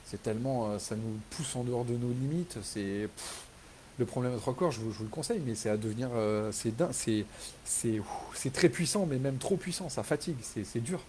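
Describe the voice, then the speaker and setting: Man, casual live chat, mellow dark tone, rambling and enthusiastic, faint hiss. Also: mid-range voice, brisk, poor audio. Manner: rambling, enthusiastic, many fillers and restarts; animated when retelling scenes. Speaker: author hosting a live reader Q&A.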